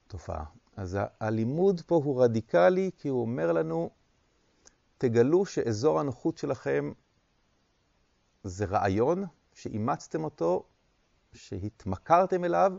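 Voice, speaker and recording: Male meditation teacher, reflective dharma talk, gravelly and dry, short phrases with pauses. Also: mid-range voice, a little mellow, dry recording, highs cut off.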